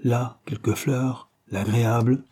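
A man reading aloud, voicing a cheerful and sensible young woman in a raised, lively voice. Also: mid-range voice, slow, breathy edge. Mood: bright, sensible.

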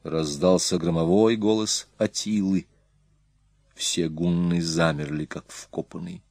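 A male reader telling a tale in measured, expressive narration. His voice is on the low side and he takes his time with every line. The recording is dry with no room sound. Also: no echo. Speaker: audiobook reader. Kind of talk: scripted narration.

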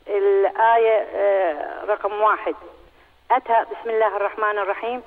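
A woman caller asking a question over the phone, speaking in a halting way and slowing down as she reads verses aloud. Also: medium pitch. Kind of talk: phoning in a question. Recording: tinny phone line with long hall echo.

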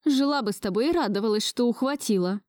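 A stubborn old grandmother who nags and turns tearful, put on by a woman reading a storybook. The voice sits well up, mellow in tone and dry, with a shrill, scolding edge. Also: animated, fast, dry recording, lightly acted. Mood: reproachful.

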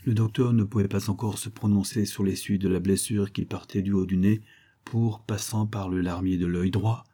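A man reading a classic crime novel as an audiobook narrator, in a measured, phrase-by-phrase delivery. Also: lowish voice, fairly even intonation, dark tone, slightly rough. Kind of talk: scripted literary narration.

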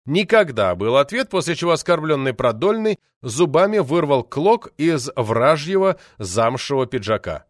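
Lively, ironic male audiobook narrator. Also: fairly high pitch, normal speed, hardly any pauses, dry recording, studio quality.

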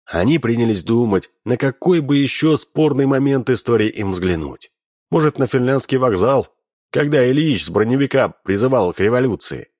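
A man narrating an audiobook, reading with lively energy and raising his voice for the characters' shouts. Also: medium pitch, no echo, clean studio sound.

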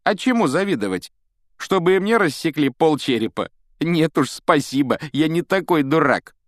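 A man voicing an arrogant schoolboy bully who taunts and mocks loudly, in an audiobook. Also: fairly high pitch, sing-song, normal speed, no echo, clean studio sound, pitched above the performer's own voice. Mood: sneering. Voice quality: sneering, taunting. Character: sneering arrogant schoolboy bully, loud and mocking. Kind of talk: audiobook character voice.

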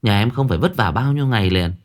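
A man's voice: lowish voice, lively intonation, quick pace, lightly acted. A man voicing a cheerful, trusting young woman in a raised, chatty voice.

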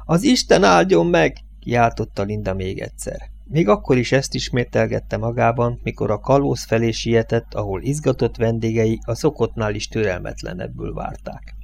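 A man narrating a novel as an audiobook, reading in a measured, steady way. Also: on the low side, gravelly, a little hiss or hum. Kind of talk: scripted narration.

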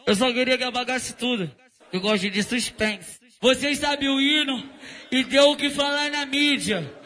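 A man half-singing a funk intro, slow crooned lines giving way to shouted hype. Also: very high-pitched. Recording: reverberant hall sound.

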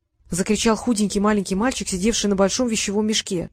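A woman narrating a fantasy audiobook in a steady storytelling manner. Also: medium pitch, quick pace, no room sound, studio quality. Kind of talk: scripted narration.

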